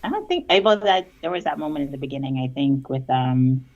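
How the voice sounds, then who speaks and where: Very low-voiced woman from the Bahamas, wry and chatty co-host, muffled lo-fi sound. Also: expressive, brisk, darkish tone. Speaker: show co-host. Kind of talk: casual review discussion. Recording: dull lo-fi remote mic.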